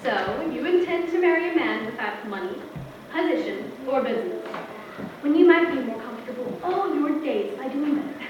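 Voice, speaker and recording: A woman's voice: high-pitched, animated, moderate pace. Woman playing a haughty old aunt, echoey stage. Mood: scolding, dismissive. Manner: haughty, scolding, formal. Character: stern, imperious wealthy old aunt, bossy and disapproving. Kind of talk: stage acting. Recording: distant, echoey theatre, noisy dull sound.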